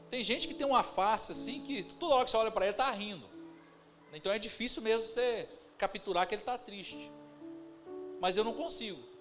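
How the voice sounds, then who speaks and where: A man with a Brazilian Portuguese accent, a pastor preaching a sermon, moving between calm storytelling and loud emphatic bursts, addressing the listeners as brothers. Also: sits high. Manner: preaching with rising emphatic bursts and slow stressed words; addresses the congregation as brothers, tells family anecdotes. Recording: music playing under the voice. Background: instrumental music.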